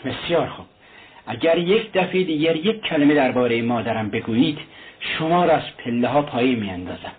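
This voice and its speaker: A man's voice: mid-range voice, expressive, natural voice. A man voicing a feverish, bitter young man who lashes out in a raised, agitated voice. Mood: threatening. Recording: tinny lo-fi recording, faint hiss.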